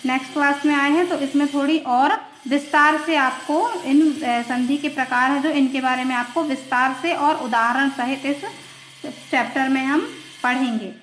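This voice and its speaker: A woman's voice: high-pitched, fairly even intonation, moderate pace, a bit bright, echoey room, a little hiss or hum, rough recording. A woman teacher giving an online grammar lesson. She repeats words patiently and checks in with her students, mixing English words into Hindi. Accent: mixes English words into Hindi. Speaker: school teacher.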